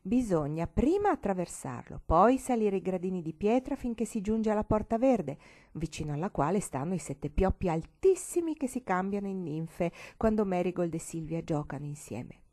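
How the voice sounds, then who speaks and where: A woman reads a storybook aloud with a mellow, warm tone. Her reading is expressive, and her voice sometimes drops to a whisper. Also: mid-range voice, moderate pace. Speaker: audiobook reader.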